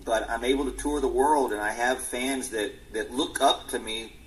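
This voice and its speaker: The low-quality recording carries a little hiss or hum under this mid-range, fairly evenly intoned male voice. He is a musician in his forties, a guest answering questions earnestly and often starting his sentences over.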